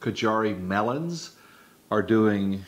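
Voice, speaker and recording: Folksy low-voiced man, joking co-host. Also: animated, slow. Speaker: cooking channel co-host. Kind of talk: casual chat.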